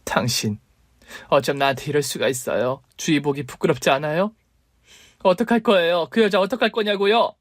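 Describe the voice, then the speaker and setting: A man's voice: a little high, moderate pace, dry recording, clean studio sound, close to an everyday voice. A man voicing a hurt, long-suffering middle-aged mother who talks in a pleading, emotional way. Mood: angry.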